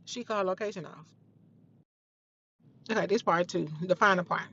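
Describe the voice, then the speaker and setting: Bright-voiced young woman telling a story bluntly. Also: fairly low pitch, moderate pace, slightly rough, lo-fi sound. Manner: blunt, profane, heated retelling. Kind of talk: casual storytime monologue.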